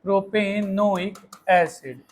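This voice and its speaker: Male chemistry teacher, classroom lecture; brisk, coaxing, quizzes the class, mixes in English terms. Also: high voice.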